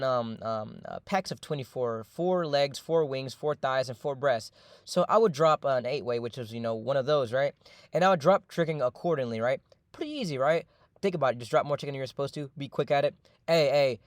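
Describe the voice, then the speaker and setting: A man's voice: medium pitch, dry recording, clean studio sound. A young man casually telling a story about his job, rambling, slangy and profane, with lots of fillers. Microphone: voice-over.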